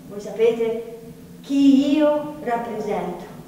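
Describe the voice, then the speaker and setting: A fussy, anxious defense lawyer, played by an actress, pleading in a fairly high voice. She is heard from far off in a big hall that rings with long reverb. Audience room noise sits clearly behind her. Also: lively intonation, slow, muffled recording. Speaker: stage actress. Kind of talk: live theatre performance. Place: large echoey gallery hall. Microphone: distant room mic.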